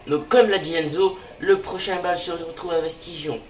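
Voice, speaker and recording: A man's voice: fairly high pitch, steady tone, moderate pace, soft background music. Brief: chatty let's play host, man, echoey room, set back from the mic. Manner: chatty, filler-heavy. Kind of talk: casual game commentary. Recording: roomy, distant mic, faint hiss.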